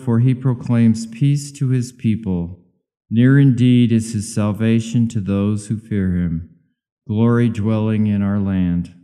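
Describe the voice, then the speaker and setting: A middle-aged man reading scripture and psalms at Mass as a lay reader, solemn and deliberate. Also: medium pitch, dark tone, long reverb tail. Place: small church sanctuary, at the lectern.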